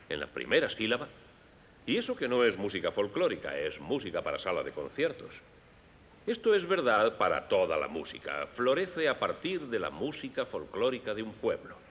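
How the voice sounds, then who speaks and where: The presenter of a children's concert lecture, a man with a Castilian Spanish accent and a slightly bright voice, dubs a talk on music. He explains things in a teaching manner and addresses the young listeners directly. An echoey hall gives long reverb and faint rumble.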